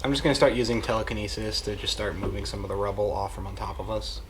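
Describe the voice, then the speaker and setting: Low-voiced joking tabletop player. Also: male voice, fast talker, noisy background. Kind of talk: casual tabletop play.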